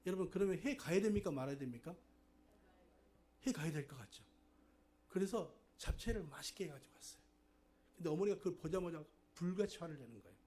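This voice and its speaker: A middle-aged man with a notably high-pitched voice delivers a sermon as a pastor. He preaches in a conversational storytelling way and keeps turning to the congregation with rhetorical questions. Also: animated, quick pace, long pauses, warm tone.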